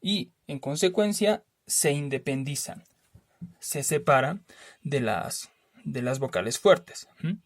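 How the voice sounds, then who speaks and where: A male teacher works through a spelling lesson, explaining patiently and repeating key terms. His voice sits a little high, and he often adds a quick questioning tag to check understanding. The recording is dry and close. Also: lively intonation, dry recording. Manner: explains slowly and repeats himself.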